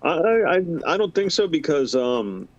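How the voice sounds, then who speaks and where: A man's voice: fairly high pitch, big pitch swings, measured pace, highs cut off. A man as a podcast guest, speaking hesitantly with many fillers and restarts. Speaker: podcast guest, former team member. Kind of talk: casual podcast chat.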